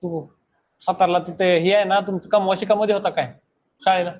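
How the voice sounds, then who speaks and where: A man's voice: high-pitched, steady tone, fairly quick. A man, teaching a class and lecturing students bluntly. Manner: scolding, blunt, talks straight at students. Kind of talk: classroom lecture and pep talk.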